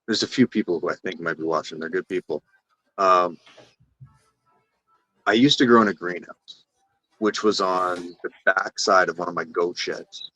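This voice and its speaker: Low-voiced Canadian man, rambling and dry. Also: fairly bright tone, dry recording. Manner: rambling, self-correcting, swears casually. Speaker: guest cannabis breeder. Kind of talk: casual live-stream chat.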